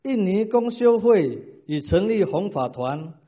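A high-pitched man reads prepared questions at an unhurried pace. He is deferential and formal, closing with ritual thanks. The sound is narrow and phone-like. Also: big pitch swings. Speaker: disciple asking questions.

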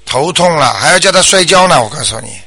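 Male call-in host with a crisp, bright tone and a raised pitch. Firm, brisk and reassuring. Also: animated. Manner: keeps asking if the caller understood. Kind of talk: radio call-in advice.

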